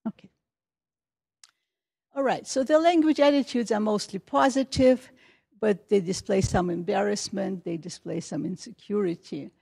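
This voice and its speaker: A woman's voice: medium pitch, moderate pace, vocal fry, dark tone, slightly rough. A middle-aged woman giving a plenary lecture at an academic conference, talking conversationally with restarts and fillers. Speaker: conference speaker. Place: conference hall.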